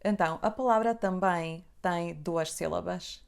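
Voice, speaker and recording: Slow, enunciating Portuguese woman teacher. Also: fairly low pitch, creaky, clean tone, soft background music. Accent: European Portuguese. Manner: careful, deliberate enunciation with repeated examples. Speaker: language teacher. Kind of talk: slow, clear pronunciation lesson.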